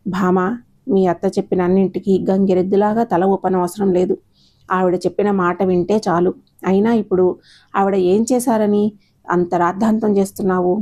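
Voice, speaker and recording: A woman's voice: medium pitch, level tone, normal speed, mellow, close to an everyday voice. A woman voicing a stern older mother who lectures her grown daughter firmly in an audio story. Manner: lecturing, firm and reproachful. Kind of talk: storybook narration, acted dialogue.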